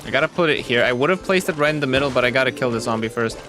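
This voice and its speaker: A man gives casual commentary as a gaming video host. His mid-range voice rambles in a joking, self-mocking way, with game music clearly audible behind it. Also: mid-range voice, racing.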